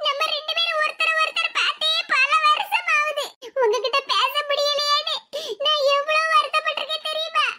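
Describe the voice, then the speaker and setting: A woman's voice: very high voice, sing-song, a little fast, sharp tone, slight background noise, heavily acted. A woman voicing a frail, tearful elderly woman with a Kanyakumari Tamil accent, in a cartoon. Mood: tearful, overjoyed.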